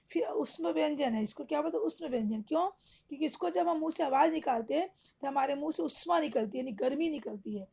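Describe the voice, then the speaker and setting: A woman teacher gives an online grammar lesson to young children, explaining patiently step by step and answering her own questions. Her voice sits high, slightly mellow, with vocal fry.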